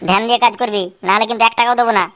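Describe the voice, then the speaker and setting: A woman's voice: a little high, fairly even intonation, very fast, a bit bright, slight background noise, lightly acted. A woman voicing a bossy, scheming adult man in a cartoon, lecturing a boy with constant checks.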